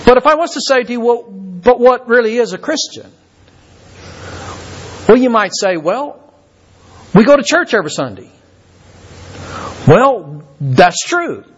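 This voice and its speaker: An older man from Kentucky, a visiting preacher who talks haltingly and repeats words, with many fillers. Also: very high voice, very animated, muffled recording, slight background noise. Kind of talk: sermon.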